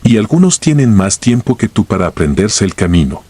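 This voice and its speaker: A man with a deep, low voice tells a scripted horror tale in the first person. His tone has a husky, slightly breathy grain. He keeps the delivery somber and grave throughout. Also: sing-song, fairly quick, a little mellow, dry recording. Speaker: horror story narrator.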